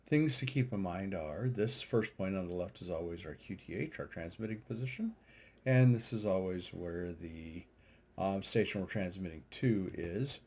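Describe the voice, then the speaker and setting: A man with a low-sitting, slightly mellow voice talks at a moderate pace. An amateur radio operator and video host, he gives a casual, unscripted commentary over data charts on a screen share, hesitant and thinking aloud as he goes.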